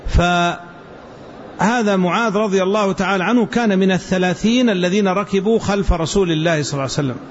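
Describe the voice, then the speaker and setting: High-voiced man teaching a lesson. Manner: explains word forms slowly, repeats for students. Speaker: religious teacher. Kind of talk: hadith lesson to students. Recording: dull lo-fi with faint hiss.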